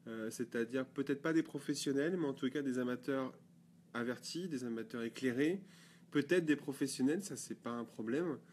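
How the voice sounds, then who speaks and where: A man's voice: medium pitch, normal speed, darkish tone, slight background noise. A man co-hosting a photography blog video, chatting casually and rambling with fillers and restarts. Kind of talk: casual chat.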